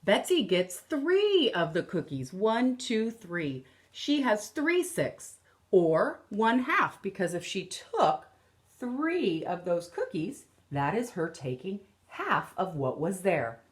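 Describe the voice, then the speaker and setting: A woman in her thirties, an elementary teacher, reads a picture book aloud to children at home, explaining it deliberately and stressing key words. Her medium-pitched voice has a sing-song lilt.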